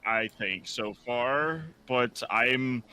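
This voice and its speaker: A man's voice: mid-range voice, extremely slow, sharp tone, smooth, low-quality recording. A man hosting a casual reaction chat, rambling with lots of "like" and restarts. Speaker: podcast host.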